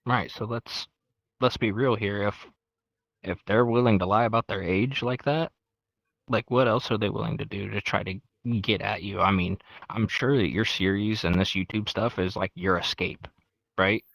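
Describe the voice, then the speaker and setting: A man's voice: on the low side, steady tone, normal speed, creaky, fairly bright tone, no echo. A man in a casual voice chat, asking probing questions with stammering restarts.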